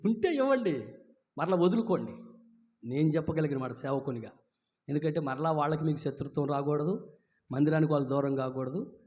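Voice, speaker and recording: A man preaching a sermon as pastor at a live church service, moving between quiet low asides and high, emphatic declarations. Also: expressive, brisk, long pauses, in a large hall.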